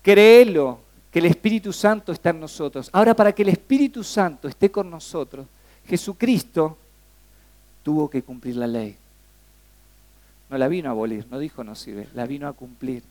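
A man's voice: fairly high pitch, moderate pace. A young man with a Rioplatense accent preaching a sermon, talking conversationally and peppering the congregation with questions. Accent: Rioplatense Spanish. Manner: asks the congregation frequent questions, lively and conversational.

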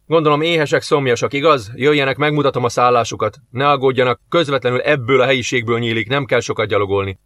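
Calm, reassuring captain, read by a man, dry studio sound. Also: mid-range voice, hardly any pauses, no echo, lightly acted. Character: calm, patient male police captain.

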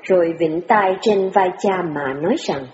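A woman narrating a story in a calm, measured way. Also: fairly low pitch. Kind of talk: audiobook narration. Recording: echoey hall with a long reverb, lo-fi.

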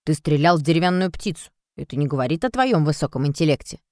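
A woman's voice: deep voice, expressive, quick pace, a little mellow, no room sound, studio quality. A woman voicing a cheeky, teasing young boy in a storybook, with emphatic lines. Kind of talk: storybook reading.

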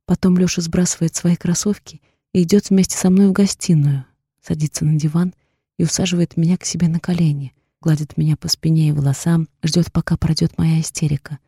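A woman's voice: sits low, steady tone, a little fast, warm tone, breathy edge, no echo, studio quality. A young woman narrating a first-person audiobook in an emotional, tearful way.

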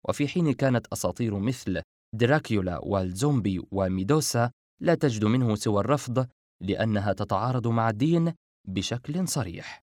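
A man reading a story aloud as an audiobook narrator, in a steady, measured way. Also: lowish voice, no room sound, studio quality.

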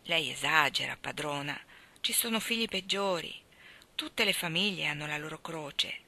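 Give me a woman putting on a humble old male servant from a storybook, low, soft-spoken and consoling. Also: normal speed, creaky, exaggerated voice. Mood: reassuring. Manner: deferential, gently reassuring.

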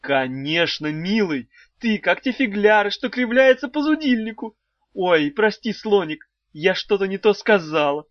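A man's voice: high voice, sing-song, a little slow, dry recording, pitched above the performer's own voice. A man voicing a doting, scatterbrained female brain-eater who coos pet names at her husband. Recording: dull, slightly lo-fi dry recording.

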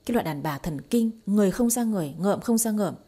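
A woman's voice: mid-range voice, expressive, fast, dark tone, close to an everyday voice. A woman reading the part of a stern, cold older father-in-law who hisses with contempt, in an audio story. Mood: contemptuous. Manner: hissing, contemptuous.

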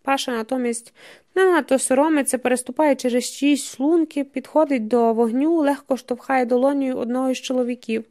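High-voiced woman reading a novel. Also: steady tone, brisk, darkish tone. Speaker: audiobook narrator. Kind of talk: scripted audiobook narration.

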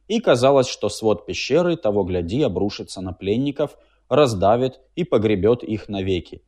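A man narrating a literary tale in a measured, dramatic storytelling manner. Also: mid-range voice, a little mellow. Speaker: audiobook reader.

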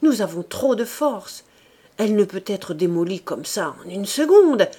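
A woman reading a novel aloud in an expressive, measured way, sometimes dropping to a hushed near-whisper. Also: medium pitch, slightly rough. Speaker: audiobook reader.

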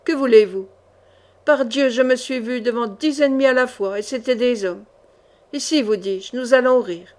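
A woman's voice: a little high, steady tone, normal speed, close to an everyday voice. A woman voicing an old male soldier, boastful and fearless, who taunts his attackers in an audiobook reading. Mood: taunting. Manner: mocking, swaggering taunts.

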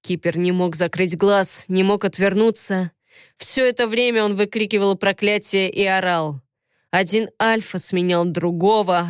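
A woman reading a story aloud as narrator, in a steady, even manner. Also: mid-range voice, clean tone, no room sound, clean studio sound. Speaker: audiobook narrator. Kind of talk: scripted narration.

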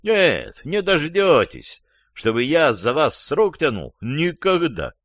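A man's voice: medium pitch, big pitch swings, measured pace, fairly bright tone, dry recording, studio quality. A man doing a sarcastic, jeering jealous lover. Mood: gloating. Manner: sarcastic, gloating, laughing wildly.

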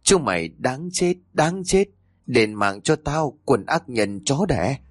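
A man's voice: fairly low pitch, big pitch swings, moderate pace, slightly rough, no echo, studio quality. A man voicing a vengeful female ghost who curses her killers in a raised, accusing voice. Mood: furious. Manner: snarling, accusing.

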